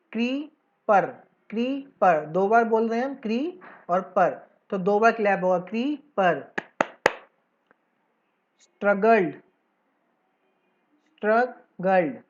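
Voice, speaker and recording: A woman's voice: on the high side, background noise. Lady teacher explaining a school lesson, keeps saying theek hai, kinda dull lo-fi audio. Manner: reads English lines slowly, explains in Hindi; frequent "theek hai" check-ins. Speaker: English teacher.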